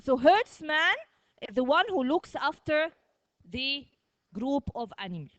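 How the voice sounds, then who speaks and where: A woman teaching a primary school vocabulary lesson, repeating words slowly, drilling the class and checking with "okay?" after each point. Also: high voice, very animated, fairly bright tone, dry recording, highs cut off.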